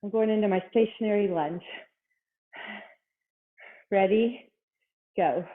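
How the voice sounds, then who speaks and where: A woman's voice: medium pitch, slow pace. A woman instructor leading a workout, exercising along as she gives short cues and encouragement. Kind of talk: workout coaching, counting reps and cueing moves. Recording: thin, phone-like, band-limited sound.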